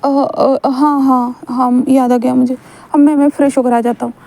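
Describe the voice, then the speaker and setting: Gentle young guy done by a woman, calm reassuring tone, highish mellow voice. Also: moderate pace, vocal fry. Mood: sleepy. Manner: soothing, reassuring. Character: gentle young man, patient and caring.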